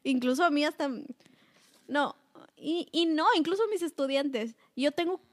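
Host: woman, high voice, casual and sympathetic. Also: measured pace, dry recording. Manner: sympathetic interjections. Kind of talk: casual chat.

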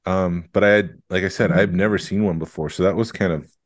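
A man's voice: low voice, steady tone, a little fast, dry recording, studio quality. A man co-hosting a podcast, chatting casually and telling a rambling story. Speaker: podcast co-host. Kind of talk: casual chat.

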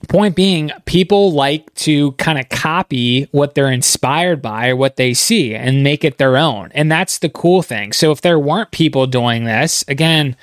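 A man's voice: fairly high pitch, a little slow, hardly any pauses, dry recording, studio quality. A man co-hosting a casual podcast, speaking in an easygoing, reflective way. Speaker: podcast co-host. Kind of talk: casual chat.

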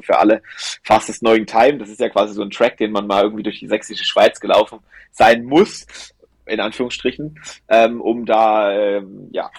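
His mid-range voice is slightly rough and the recording is dry. A young man appearing on a podcast as an ultra trail runner spins a loose, eager running tale packed with fillers and false starts, casual storytelling-interview style.

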